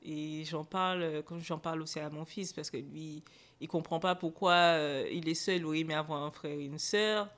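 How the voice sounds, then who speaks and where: Low-voiced woman telling a personal story. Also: steady tone, moderate pace. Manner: hesitant, frequent fillers and restarts; emotional recounting. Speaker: podcast guest. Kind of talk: personal storytelling in a podcast interview.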